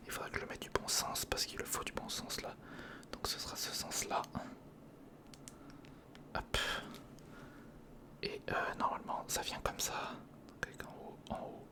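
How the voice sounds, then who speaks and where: Speaking directly to the viewer, an ASMR host whispers casual, step-by-step remarks as they build something.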